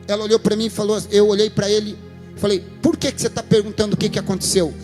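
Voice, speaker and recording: A pastor with a notably high voice delivers a sermon. He tells a story by acting out the dialogue, then builds to emphatic appeals to the congregation. Soft music plays faintly underneath. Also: flat delivery, quick pace, long reverb tail.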